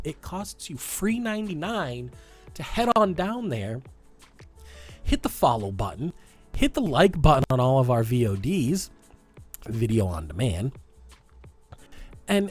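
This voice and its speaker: A young man from Massachusetts with a Massachusetts accent, co-hosting a podcast in casual chat, rambling and animated with frequent restarts. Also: fairly high pitch. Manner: rambling, animated, self-interrupting. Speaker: podcast co-host.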